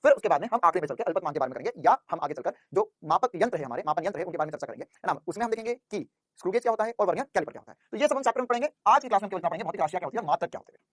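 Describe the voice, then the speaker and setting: A man's voice: high-pitched, animated, racing, no room sound, studio quality. A man teaching a physics class, who asks questions and answers them himself and calls his students "बेटा".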